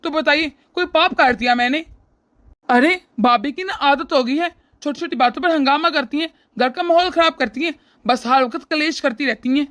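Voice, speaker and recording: A smug, leering young brother-in-law from a cartoon, as a woman voices him. He talks in an oily, teasing way in a fairly high voice. The recording is dry and close. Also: moderate pace, fairly bright tone, dry recording. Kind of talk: cartoon voice acting.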